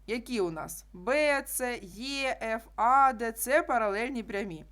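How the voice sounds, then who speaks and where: A woman teacher walks through a geometry problem step by step. She explains in a steady classroom manner and often repeats key statements to make them stick. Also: on the high side, measured pace. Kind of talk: classroom math lesson.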